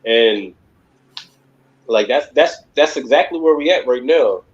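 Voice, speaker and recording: A man with a medium-pitched voice and lively intonation leads a religious class a little slowly, recorded with lo-fi sound. He's emphatic and rambling, and he keeps saying "you know what I mean."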